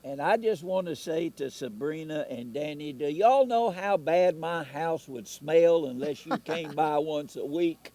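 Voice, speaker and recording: Male announcer, folksy and chatty, mellow tone, slightly high voice. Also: a little slow, hardly any pauses. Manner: folksy, chatty, laughs between lines. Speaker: parade broadcast announcer. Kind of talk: folksy live sponsor readouts.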